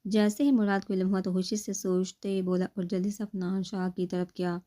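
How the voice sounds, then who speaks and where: A woman narrating a novel in a steady, scripted reading voice. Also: mid-range voice. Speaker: audiobook narrator.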